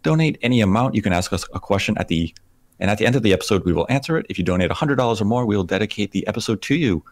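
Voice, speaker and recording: A man with a Southern accent hosts a gaming podcast in a polished, radio-ready voice. His pitch sits a bit low and steady. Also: very fast. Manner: polished radio-style delivery. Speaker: podcast host. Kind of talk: casual podcast chat.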